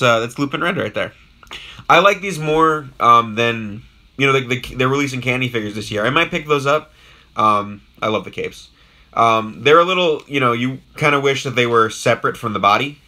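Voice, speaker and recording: A young YouTube host rambles casually during a live unboxing stream, greeting viewers in chat. His medium-pitched voice is raspy and hoarse from a worn-out throat, yet bright and forward, and he drifts between thoughts with lots of ums, filler, and restarts.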